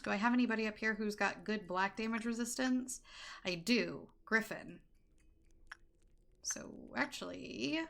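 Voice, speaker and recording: A woman's voice: mid-range voice, vocal fry, a little hiss or hum. A woman streamer giving casual let's-play commentary, muttering orders to her units and swearing now and then. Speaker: VTuber streamer playing a management sim. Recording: game music behind voice.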